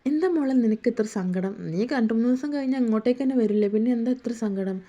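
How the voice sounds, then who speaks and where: A woman's voice: fairly high pitch, quick pace, warm tone, voice pushed up, lightly acted. A woman voicing a poor, tired, kindly aging father who talks wearily and coaxingly, in a dull lo-fi recording. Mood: weary. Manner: weary, coaxing.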